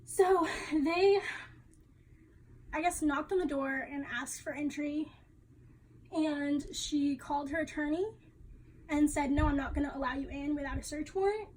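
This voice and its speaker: A woman's voice: high voice, unhurried, pauses often, a little mellow, slight background noise, rough recording. A young woman giving a class presentation, talking casually and chattily with fillers and the odd laugh. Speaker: student presenter.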